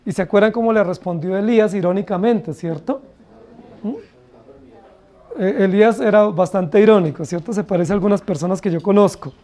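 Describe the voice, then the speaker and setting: A man's voice: high voice, brisk, warm tone. A man with a Colombian Spanish accent, preaching a Bible study sermon in a church, often asking the congregation rhetorical questions and acting out quoted excuses. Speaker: pastor.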